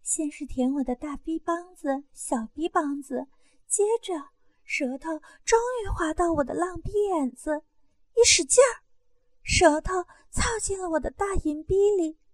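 Very high-voiced woman reading an adult story. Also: measured pace, no room sound, clean studio sound. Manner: loud, crude, breathless delivery. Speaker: narrator. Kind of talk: first-person adult audio story reading.

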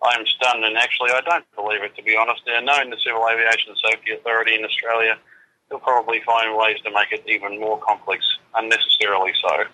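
A man's voice: on the low side, level tone, quick pace, pushed and bright. A tired man calling in by phone, heard over the phone speaker, chatting casually as a correspondent. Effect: phone speaker, heard over a call on speakerphone. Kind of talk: casual chat. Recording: tinny phone line on speakerphone.

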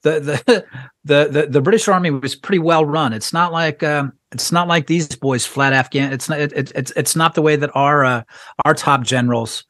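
A man's voice: a little high, normal speed, a bit bright, no echo. An American man speaking as a guest journalist in a casual interview, often restarting his words and laughing. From United States. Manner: stammering restarts, frequent laughs.

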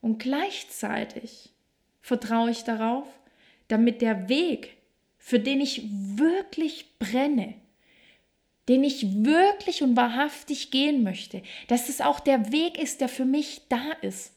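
A woman hosting a self-help podcast, talking straight to the listener in a reflective monologue, slow and emphatic in places. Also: sits high, expressive, a little mellow. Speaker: podcast host.

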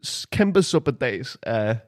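A man's voice: mid-range voice, sing-song, no room sound, clean studio sound. A man telling a crude funny story in casual chat, laughing often and dropping in English phrases.

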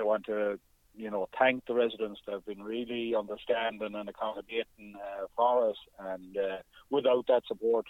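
A man with an Irish accent speaking as a press officer in a radio phone interview, explaining politely in halting phrases. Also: lowish voice, dry recording. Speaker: motor club press officer, radio guest. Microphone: telephone. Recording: narrow, tinny phone line.

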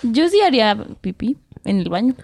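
A woman's voice: fairly high pitch, big pitch swings, normal speed, a little mellow, no echo, clean studio sound. Mexican woman, podcast host, casual and teasing. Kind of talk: casual chat.

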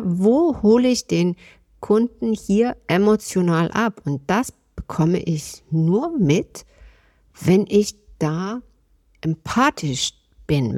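A woman's voice: mid-range voice, a little mellow, dry recording, clean studio sound. A woman hosting a solo podcast, talking in a thoughtful, conversational way with many small fillers and speech. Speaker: podcast host.

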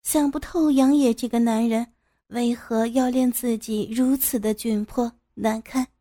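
A woman reading a scripted story in a soft, even narrating voice. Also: fairly high pitch, a little slow.

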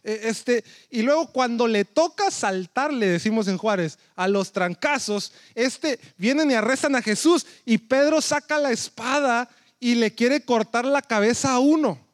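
A man's voice: extremely high pitch, unhurried, hardly any pauses, no echo, studio quality. A man, a pastor preaching a sermon in a conversational storytelling way that keeps checking in with his listeners.

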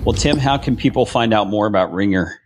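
A man's voice: on the low side, a little fast, very noisy. Man in an echoey room. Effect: echoey room sound. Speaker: podcast host. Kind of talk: interview and podcast sign-off.

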